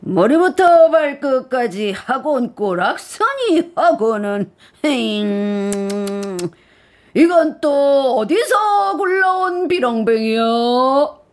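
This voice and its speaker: An actor playing a greedy, pompous village elder in a radio drama, bellowing and contemptuous. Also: male voice, extremely high pitch, lively intonation, slow pace, full character voice. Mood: sneering.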